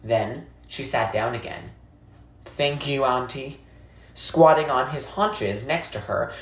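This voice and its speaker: In an echoey, roomy recording, a mid-range voice reads aloud from a children's novel. The narration is measured and full of expression, told in a storytelling manner.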